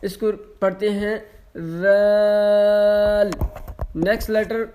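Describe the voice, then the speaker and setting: Man, tutor, high voice, drawn-out letter sounds, quick explanations, some english. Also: a little mellow, slight background noise. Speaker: Quran reading tutor. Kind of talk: online lesson in letter pronunciation.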